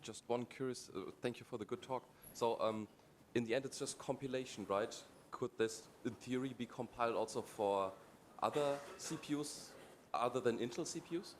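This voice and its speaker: A man in the audience asking a quick, curious question. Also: mid-range voice, a little hiss or hum.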